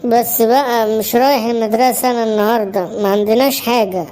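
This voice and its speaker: A woman's voice: a little high, fairly even intonation, quick pace, mellow, slight background noise, lightly acted. A woman voicing a lazy, cheeky schoolboy in a cartoon, whining in an Egyptian Arabic accent. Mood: whiny. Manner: whiny, cheeky. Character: lazy cheeky schoolboy who hates mornings. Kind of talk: cartoon voice acting.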